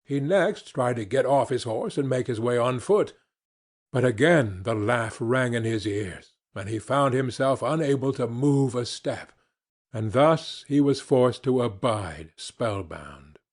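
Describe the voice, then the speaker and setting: A man with a mid-range voice reads a fairy tale as an audiobook narrator, expressive and measured in his storytelling.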